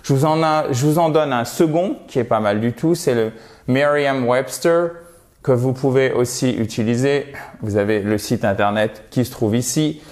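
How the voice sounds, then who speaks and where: A man's voice: medium pitch, moderate pace, darkish tone. A man teaching an online lesson about English pronunciation in a chatty, encouraging way, often checking in with the viewer.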